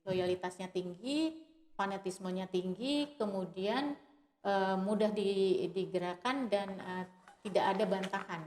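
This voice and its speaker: A woman activist answering interview questions in a measured way, often pausing on "eh" and starting points with "nah". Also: medium pitch, a little mellow. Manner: measured, with frequent "eh" fillers and "nah" openers. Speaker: guest, women's rights activist.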